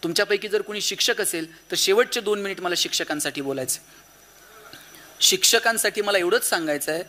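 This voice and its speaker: A man giving an animated kirtan-style motivational talk, swinging from loud exhortation to low, quiet emphasis and acting out voices in his stories. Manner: acts out quoted voices in anecdotes. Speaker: motivational speaker.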